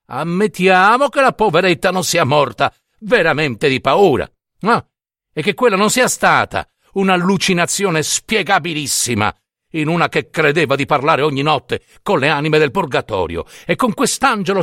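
An indignant skeptic in a storybook, arguing in heated, rhetorical bursts with a lively voice that leaps up and down, as a male narrator puts him on. The sound is dry and close. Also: fairly high pitch, no echo, heavily acted.

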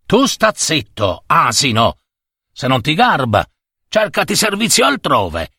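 A man reading a story aloud, voicing a grumpy old farm master who gruffly scolds his servant. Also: a little high, wildly swooping pitch, a little slow, pushed and bright, no room sound, clean studio sound, heavily acted. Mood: scolding.

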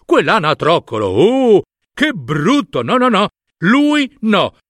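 A man voicing a crowd of mocking barnyard ducks and hens in a storybook reading, squealing and very high. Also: very animated, takes it slowly, a bit bright, no echo, studio quality, heavily acted. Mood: jeering.

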